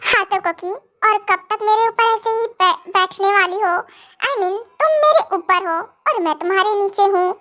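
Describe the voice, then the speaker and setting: A woman's voice: very high voice, normal speed, fairly bright tone. A woman doing a stern, possessive young husband. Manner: scolding, then coaxing and apologetic. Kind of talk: fan audio drama.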